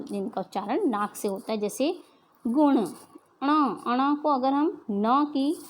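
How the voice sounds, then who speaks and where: A young woman teacher with a Haryanvi accent gives a school lesson from home, her voice sitting a little high. She explains patiently, asks her pupils rhetorical questions and slows down to spell out each example. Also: a little mellow. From India. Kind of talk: online Hindi grammar lesson.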